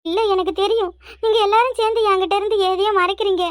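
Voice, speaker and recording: A woman's voice: very high-pitched, brisk, a bit bright, no echo, clean studio sound. A woman voicing a wailing young daughter-in-law. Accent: Kanyakumari Tamil. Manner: wailing, pleading. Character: pregnant young daughter-in-law, tearful and dramatic. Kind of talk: cartoon voice acting.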